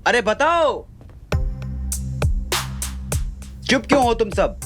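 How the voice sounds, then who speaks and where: An actor playing a schoolteacher who coaxes his quiet class with questions. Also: on the high side, animated, moderate pace, music in the background, lightly acted. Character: schoolteacher leading a class revision. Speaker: teacher. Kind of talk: web series acting.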